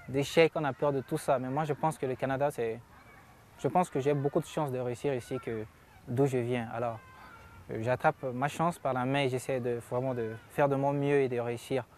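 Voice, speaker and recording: A man's voice: mid-range voice, darkish tone, a little hiss or hum. A young man speaking earnestly in a documentary interview as a newcomer youth, with a few hesitant fillers.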